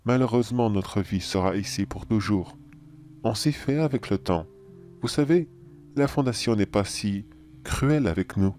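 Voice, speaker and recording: A calm, sage cannibal anomaly, voiced by a man in a horror audio drama. His low, dark voice stays measured and politely menacing. Faint music plays behind him. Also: natural voice.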